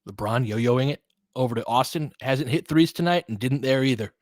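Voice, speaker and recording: In a clean, echo-free studio recording, a man with a medium-pitched, darkish voice talks at a normal speed. He's a fan giving casual basketball play-by-play, calling the action, offering opinionated analysis in a chatty way, and coaching players out loud.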